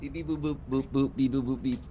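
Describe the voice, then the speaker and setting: A man's voice: fairly even intonation, fast, highs cut off, noisy background, lightly acted. A man on a group voice chat doing a playful robot voice, beeping and booping in a raised voice. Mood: playful robotic. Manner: mock robot beeps in a higher voice. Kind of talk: casual chat while streaming a game.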